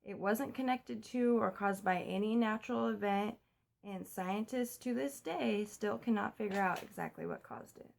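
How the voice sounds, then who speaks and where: A woman's voice: mid-range voice, creaky. A young woman from the US chatting in a casual home vlog, recorded on a phone while keeping her voice down at night. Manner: chatty, talks fast, keeps voice down. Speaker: vlogger.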